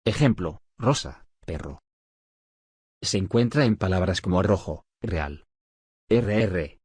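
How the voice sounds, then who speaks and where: Low, husky male narrator for a study audiobook; steady dictation pace, dry close recording. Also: dry recording. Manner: measured, list-like dictation with pauses. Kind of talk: scripted reading of spelling rules.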